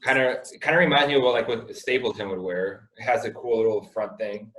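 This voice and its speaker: A man's voice: medium pitch, fairly quick, a bit bright, reverberant, poor audio. A man from Indiana hosting a podcast, joking, rambling and swearing casually. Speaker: podcast host.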